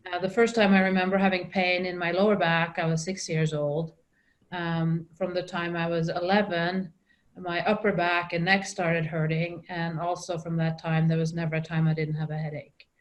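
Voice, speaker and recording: Telling her story as an interview guest, a middle-aged woman from Norway talks in a lowish, level voice at a moderate pace. Her Norwegian accent comes through, and she hesitates often with frequent ums and restarts.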